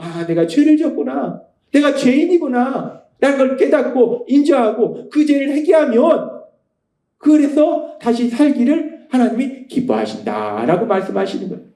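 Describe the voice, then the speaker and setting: A man's voice: very high voice, dark tone, reverberant. A man preaching a Sunday sermon as pastor, talking in a conversational way and asking his listeners rhetorical questions. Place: church sanctuary.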